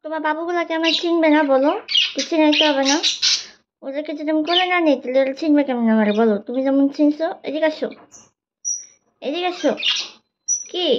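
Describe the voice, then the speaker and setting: Woman, high voice, half-scolding and half-coaxing a pet bird; dull audio with loud bird squawks behind. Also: a little fast, pauses often, very noisy. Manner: scolding yet coaxing, repeated questions. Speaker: bird keeper checking chicks. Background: squawking budgerigars.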